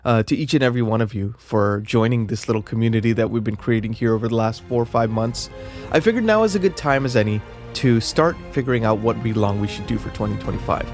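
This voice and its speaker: Soft music plays behind a man hosting a book channel as he talks to camera at a quick pace in a mid-range voice. His casual chat wanders, packed with filler words like "kind of."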